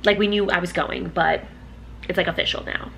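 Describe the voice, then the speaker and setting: A young woman chatting in a casual vlog in her groggy morning voice, rambling and excitable, recorded indoors. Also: fairly low pitch, a little fast, gravelly, slight background noise. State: sleepy morning voice. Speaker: concert vlogger.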